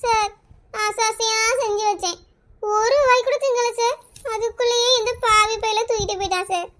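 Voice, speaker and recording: A woman's voice: extremely high pitch, steady tone, normal speed, a bit bright. A woman voicing a distraught young village wife in a cartoon, wailing and pleading. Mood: tearful pleading. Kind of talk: cartoon voice acting.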